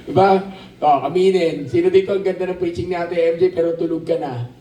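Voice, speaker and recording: A man preaching a lively sermon at a camp, asking the crowd questions and calling for amens. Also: fairly high pitch, brisk. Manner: animated, asks the crowd questions, calls for amens. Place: outdoor camp. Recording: roomy, distant outdoor sermon recording with faint ambience.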